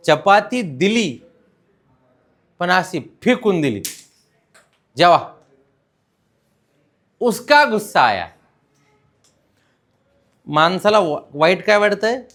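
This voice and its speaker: A man's voice: sits high, sing-song, slow, pauses often, a bit bright. A man with a Marathi accent teaching English grammar to a class, mixing in English words and quizzing his students. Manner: mixes in English words, asks the class questions. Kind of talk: classroom lesson.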